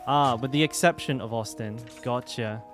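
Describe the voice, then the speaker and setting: Medium in pitch and speaking at normal speed, this streamer keeps up a loose, filler-heavy chatter about his gameplay while the game's music runs underneath.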